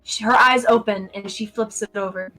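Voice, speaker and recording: A woman's voice: medium pitch, steady tone, moderate pace, pushed and bright, soft background music, low-quality recording. A woman acting as game master, narrating a tabletop role-playing scene and adding casual asides.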